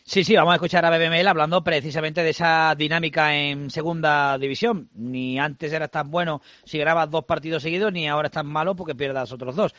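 A man hosting a live sports radio show, chatting and running through fixtures in a brisk, conversational way. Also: on the high side, steady tone, fairly bright tone, dry recording, lo-fi sound.

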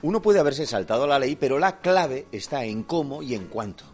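Basque spanish guy joking on the radio, bouncy pitch. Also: lively intonation, normal speed, darkish tone, soft background music. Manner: jokey, playful explainer. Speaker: radio comedy contributor. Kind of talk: comic radio chat.

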